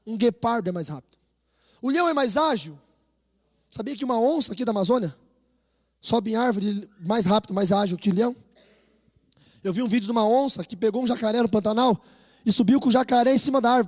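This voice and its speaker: A man with a Brazilian Portuguese accent preaching a sermon as pastor, telling stories in an animated way and rousing his congregation to repeat after him. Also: extremely high pitch. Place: church hall. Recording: long reverb of a church hall.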